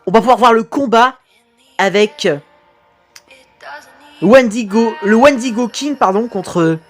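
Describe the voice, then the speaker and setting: A woman talking as an excited anime fan in a casual, sweary reaction commentary, gushing with slangy exclamations. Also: a little high, slow, soft background music. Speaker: reaction video host.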